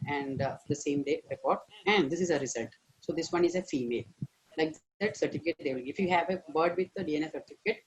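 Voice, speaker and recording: A man's voice: a little high, a little hiss or hum, rough recording. A man giving an online veterinary lecture, hesitant with many fillers and stressing key words.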